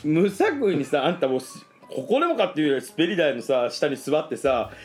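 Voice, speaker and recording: Lively man telling a story, laughing. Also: on the high side, fairly quick, soft background music. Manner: animated storyteller who acts out quoted voices and laughs often. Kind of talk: casual storytelling chat.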